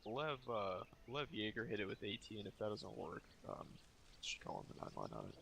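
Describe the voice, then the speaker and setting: A man's voice: fairly low pitch, huge pitch swings, brisk, vocal fry, a bit bright. A man speaking on a headset as squad leader, in casual tactical voice chat during a military simulation game. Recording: faint background noise.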